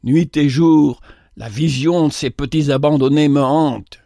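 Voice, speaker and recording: A man reading a storybook, voicing a remorseful old gentleman traveler who pleads earnestly and insistently. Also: fairly high pitch, fairly even intonation, unhurried, vocal fry, no echo, clean studio sound. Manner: pleading, insistent, voice trembling with emotion.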